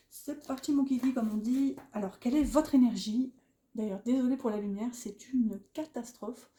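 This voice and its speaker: A woman with a northern French accent talks her way through a card reading, hesitant and rambling, full of fillers. Her voice sits a touch high yet sounds very dark and mellow. The room around her gives a clear echo. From northern France. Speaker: tarot card reader. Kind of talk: casual spoken card reading.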